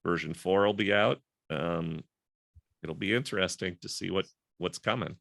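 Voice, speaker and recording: A man's voice: deep voice, moderate pace, creaky, a bit bright, dry recording, studio quality. A man hosting a casual group discussion over a video call, rambling and thinking aloud with lots of fillers.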